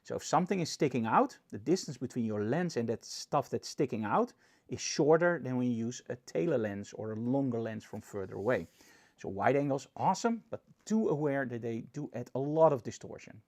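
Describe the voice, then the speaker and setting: A man teaching photography in a lively, explanatory presentation, with a Dutch accent. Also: medium pitch, a little fast. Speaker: photography instructor. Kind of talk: presentation tutorial.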